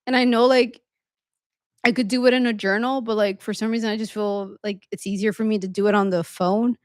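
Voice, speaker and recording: Woman co-host talking in quick run-on bursts. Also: mid-range voice, steady tone, darkish tone, no echo, clean studio sound. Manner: fast, run-on venting talk with few pauses. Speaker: podcast co-host. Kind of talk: casual conversation.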